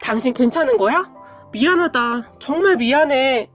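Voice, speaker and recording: A woman's voice: high voice, animated, brisk, soft background music. A woman voicing a protective young husband who speaks in clipped, firm commands in a story reading. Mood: apologetic.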